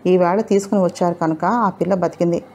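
A woman narrator voicing an earnest, upright young male doctor who speaks in a gentle, sincere way. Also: lowish voice, steady tone, a little fast, lightly acted.

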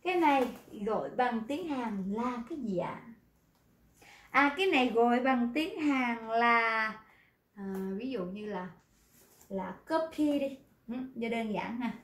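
A woman teaching, patiently explaining, quizzing the class and repeating words slowly. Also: on the high side, lively intonation, roomy sound. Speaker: Korean language teacher.

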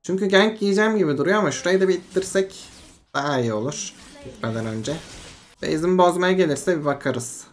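A game streamer giving casual, excitable commentary over their own match, swinging between frustration and hype and talking themselves back to calm. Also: medium pitch, brisk. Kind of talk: live gameplay commentary.

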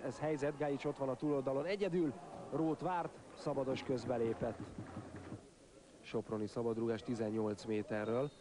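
Man, sports commentary, mid-range voice, clipped play-by-play phrases, voice rising at chances, clearly audible match crowd. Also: medium pitch. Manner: clipped phrases, naming players, lifting voice at chances. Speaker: football commentator. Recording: stadium crowd noise behind commentary. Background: football crowd.

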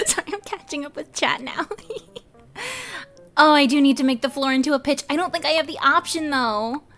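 A woman's voice: sits high, brisk, a bit bright, soft background music. A young woman streaming a game, chatting casually with her viewers, giggling often. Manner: giggly, chatty, talks to chat. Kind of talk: casual live game commentary.

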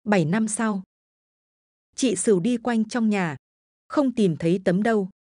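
Brief: female storyteller, steady ghost-story narration, warm low tone. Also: measured pace, no echo, studio quality.

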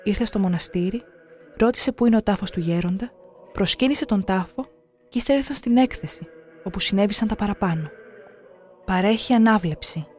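A narrator reading scripted documentary passages in a measured, solemn way. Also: medium pitch, darkish tone, faint music behind.

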